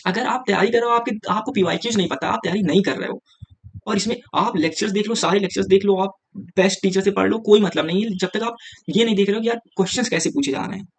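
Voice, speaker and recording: A young man gives a casual, direct exam-prep lecture, switching between Hindi and English and frequently calling his viewers "yaar." His voice is high-pitched with vocal fry, and he talks fast.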